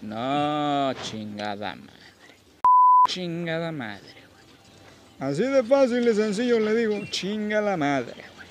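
Slow, rambling man, tipsy, noisy recording. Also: a little high, lively intonation. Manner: rambling, crude joking, repeats himself. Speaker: gaming video host. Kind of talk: casual gameplay commentary.

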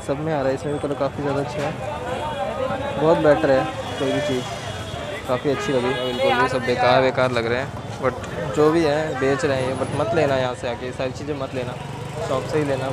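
This vlogger is a man in his 20s who talks casually to his viewers in a brisk, level, mid-range voice. He's outdoors, doing a selfie intro before moving through an open-air street market, recorded on a handheld camera or phone at arm's length.

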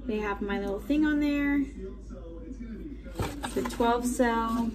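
A young woman talks casually into a phone held at arm's length, chatting to the camera and to her chickens. Her voice sits a little high. Clucking hens and yard noise come through clearly behind her. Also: slow pace. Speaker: homestead vlogger. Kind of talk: casual vlog chat. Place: backyard chicken run outdoors and home kitchen. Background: chickens clucking and roosters crowing.

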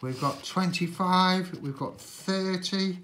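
A man's voice: high-pitched, slow pace, fairly bright tone, a little hiss or hum, low-quality recording. A middle-aged man chatting casually while scratching cards, calling out numbers one by one like a bingo caller. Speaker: host of a scratch card channel. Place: indoors at a tabletop.

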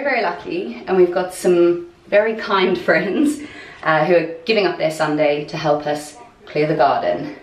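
A woman's voice: fairly low pitch, slight background noise. Chatty young woman vlogging. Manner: chatty, self-deprecating, lightly swearing. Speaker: home renovation vlogger. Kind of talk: casual vlog chat to camera. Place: indoors at home, renovation rooms. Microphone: handheld camera or phone at arm's length.

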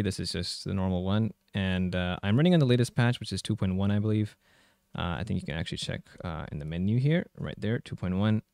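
Male gaming tech host, informal and chatty, gravelly edge, very dry close-miked sound. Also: on the low side, darkish tone, no echo. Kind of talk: casual gameplay commentary and tutorial.

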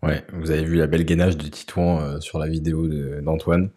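A man co-hosting a casual streamed sports talk show, chatting in a relaxed, hesitant way. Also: very deep voice, brisk. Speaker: co-host of a women's basketball talk show.

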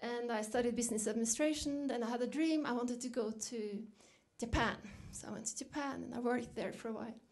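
A woman's voice: fairly high pitch, steady tone, brisk, hardly any pauses, a little mellow. A middle-aged woman from Norway, giving a reflective storytelling dinner keynote, lifting her voice when she quotes herself. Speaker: keynote speaker.

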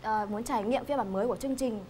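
A woman's voice: fairly high pitch, fast talker, warm tone, slight background noise. A young woman with a Northern Vietnamese accent, a game show contestant answering politely and deferentially. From Hung Yen, northern Vietnam. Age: young adult. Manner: polite, addressing host deferentially.

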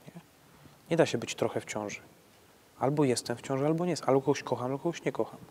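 With a medium-pitched, slightly mellow voice and a little hiss or hum on the recording, a priest talks through questions of faith. He's conversational but halting, restarting sentences and frequently tacking on "nie?" at the end.

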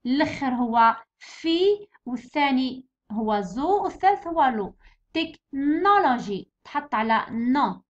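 A young woman with an Algerian accent teaching an exam revision lesson, explaining patiently and repeating words slowly and clearly. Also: sits high. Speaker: English teacher. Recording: dull lo-fi recording.

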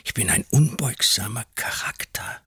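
A man's voice: mid-range voice, moderate pace, pushed and bright, breathy edge, no room sound, studio quality, pitched above the performer's own voice. A menacing whispering headmaster, as a man puts him on. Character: fat cruel whispering male headmaster.

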